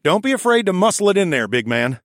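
A high, lively raccoon architect who hands out brisk, encouraging orders, as a man puts him on. His voice leaps about and sounds bossy and keen. The recording is dry and close. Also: dry recording. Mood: eager.

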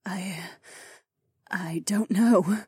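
A man's voice: high-pitched, a little slow, a little mellow, husky, dry recording, clean studio sound, voice pushed up. A man voicing a stern ibex woman mage who talks in a clipped, scolding way, in an audiobook reading. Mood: stern, worried. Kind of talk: audiobook character voice.

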